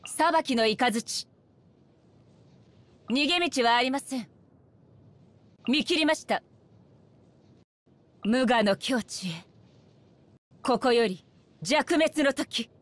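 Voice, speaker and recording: A woman playing a regal, solemn female shogun and swordswoman in a game, speaking formally and with measured stateliness. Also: sits high, expressive. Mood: stern, commanding. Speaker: voice actor. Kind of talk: Japanese anime-style game character voice lines.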